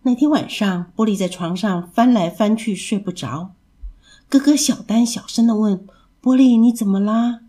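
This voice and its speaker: A woman storyteller reading a children's story aloud in an expressive, animated way. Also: medium pitch, normal speed.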